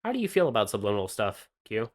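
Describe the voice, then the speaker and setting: Presenting game news as a podcast co-host, this man talks fast in a voice on the low side, his pitch swooping wildly. He chats casually about games, rambling along with many fillers and restarts.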